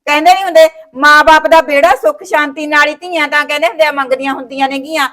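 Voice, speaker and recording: A woman with a Malwa Punjabi accent plays a sulking sister-in-law in a family short film. Her voice sits high with a steady tone and a slightly bright quality, and she speaks fast, complaining indignantly, refusing every offer, and talking over objections.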